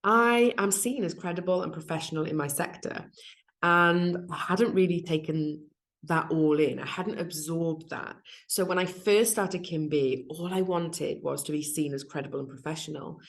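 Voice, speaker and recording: Low-voiced woman, candid. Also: moderate pace, gravelly. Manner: candid, chatty, laughs at herself. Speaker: podcast host and success coach. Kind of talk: reflective solo podcast monologue.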